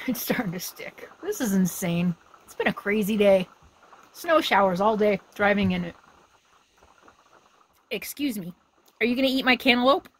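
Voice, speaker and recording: A woman in her fifties runs a casual RV travel vlog, chatting to camera and talking sweetly to her dog in the windy high desert and inside her RV. Her medium-pitched voice has lively intonation and a normal speed, and she pauses often. It's a low-quality recording from a phone camera held at arm's length.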